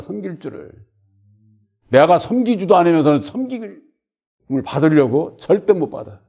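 A male pastor preaching in a church, with a slightly raised voice. He hammers each point, then repeats it softly, and keeps asking rhetorical questions. The recording sounds dull and lo-fi. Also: a little high. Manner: emphatic repetition with rhetorical questions; swings between loud stress and quiet trailing repeats. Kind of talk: sermon.

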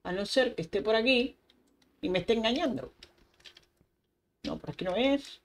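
Pitched on the high side with lively intonation, a young gaming YouTuber talks to herself at a moderate pace during chatty Minecraft commentary, exclaiming often. Behind her are faint keyboard typing and clicks plus slight background noise.

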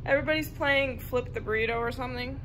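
A young woman vlogging at a party, giggly and playful, quick to joke. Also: high voice, a bit bright, slight background noise. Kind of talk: casual vlog chat. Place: at a house party, indoors and out.

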